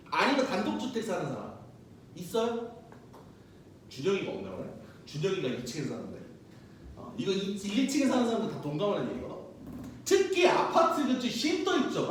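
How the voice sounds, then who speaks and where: Loud, joking male teacher in an echoey room. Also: high-pitched, slight background noise. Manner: loud, joking, slangy, animated storytelling. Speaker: physics teacher. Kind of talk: lecture. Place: classroom. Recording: very echoey room, mic far off.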